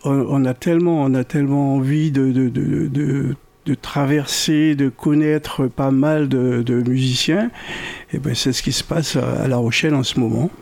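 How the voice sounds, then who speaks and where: An older man from French Guiana, a musician guest in a radio interview, speaking slowly and haltingly with many repetitions. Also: medium pitch, fairly even intonation, gravelly, darkish tone.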